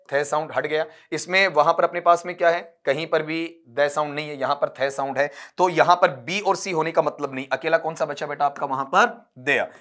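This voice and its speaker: A man's voice: fairly high pitch, a bit bright. A male English teacher giving an online exam-prep phonetics lecture, patiently drilling sounds one at a time and addressing students as "beta". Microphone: recording from a desk for an uploaded class video.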